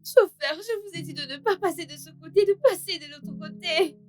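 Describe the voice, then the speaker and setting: A desperate young woman in a dubbed film drama. Her voice is notably high and strained with pleading. She begs and insists on her innocence. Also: brisk, faint music behind. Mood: panicked. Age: young adult. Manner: pleading, tearful. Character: frightened young woman pleading, wrongly accused.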